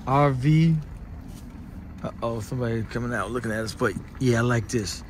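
Holding his phone out at arm's length, a Chicago-accented man in his forties vlogs a casual tour of houses and bars, full of relaxed street slang. Filmed in places like a car, a bar and indoors, he speaks at medium pitch and a moderate pace, with a slight hiss or hum.

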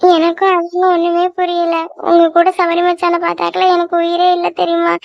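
A woman voicing a young cartoon wife who pleads and gets upset easily, with a whiny, squeaky voice. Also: monotone, moderate pace, creaky, no room sound, highs cut off. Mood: worried.

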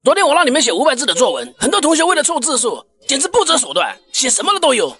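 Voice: high voice, wildly swooping pitch, racing, a bit bright, no echo, full character voice. A performer voicing a strict, exasperated schoolteacher berating a class in a comic cartoon skit. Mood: stern. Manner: berating, emphatic.

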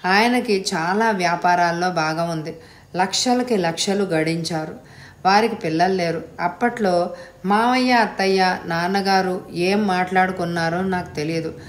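A woman's voice: on the low side, normal speed, lightly acted. Woman voicing a young heroine, teasing, light manner, storybook reading, echoey room. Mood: reflective.

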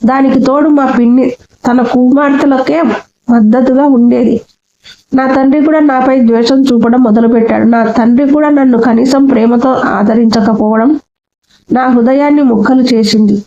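A woman narrating a sad story in the first person, slow and sorrowful. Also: high-pitched, steady tone, dark tone, highs cut off.

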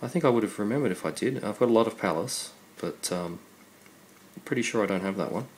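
Speaking quickly in a lowish voice, an Australian man hosts a relaxed unboxing video from his computer desk indoors. He sounds congested with a cold but quietly appreciative. There's constant background noise.

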